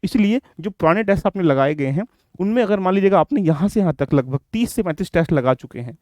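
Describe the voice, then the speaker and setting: A man's voice: sits high, expressive, quick pace, a little mellow, no echo. A man giving a direct, instructive lecture on exam strategy to his students. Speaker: exam coaching teacher.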